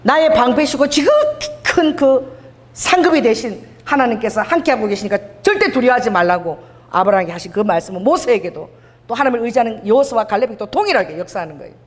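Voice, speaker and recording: A woman preacher giving a lively sermon, acting out the voices of God and people from scripture as she teaches. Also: fairly high pitch, fast. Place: church sanctuary. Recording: long hall reverb.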